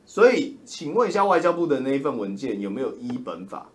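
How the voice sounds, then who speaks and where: Man, political livestream commentator; loud, roaring, sneering, pitch leaping all over. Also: big pitch swings, a little fast. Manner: loud, roaring, mocking, insulting.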